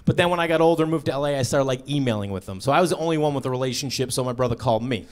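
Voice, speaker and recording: A man doing a stand-up comedy set on stage, telling a story with lively delivery and acting out the voices of the people in it. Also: medium pitch, racing. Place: comedy club stage before a live audience.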